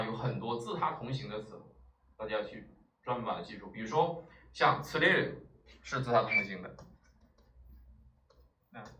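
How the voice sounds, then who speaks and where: A man's voice: mid-range voice, pushed and bright. A man teaching a Japanese vocabulary class, explaining patiently and often checking in with his listeners. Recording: roomy echo, mic at a distance.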